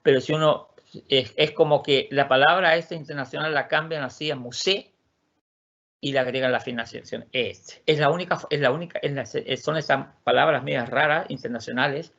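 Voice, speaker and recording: A man teaching a class online, repeating words slowly to model their pronunciation. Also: fairly high pitch, vocal fry, a bit bright. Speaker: Swedish teacher. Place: lives in Sweden. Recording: lo-fi muffled audio.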